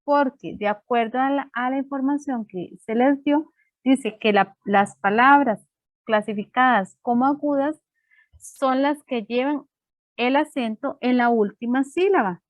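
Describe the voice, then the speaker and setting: A woman's voice: high voice, unhurried, no room sound. A woman teacher giving a lesson on a video call, explaining step by step with frequent fillers. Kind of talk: online class lesson. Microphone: computer microphone on a video call.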